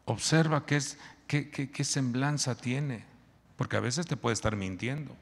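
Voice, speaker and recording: A male pastor preaching a sermon, animated and quizzing the congregation. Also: mid-range voice, a little slow, creaky, big-room sound, a little hiss or hum.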